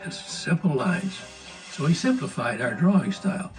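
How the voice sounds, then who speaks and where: A man's voice: a little high, lively intonation, normal speed. An older man, a former animator, telling stories of his studio days in an interview. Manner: anecdotal, storytelling. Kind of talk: reminiscing interview. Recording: distant mic with music underneath.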